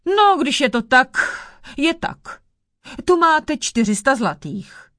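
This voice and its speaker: A woman's voice: high-pitched, very animated, a bit bright, no room sound, clean studio sound, voice pushed up. A woman voicing a grumpy, cunning male sorcerer in a fairy tale read aloud. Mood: bargaining. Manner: sulky, scheming.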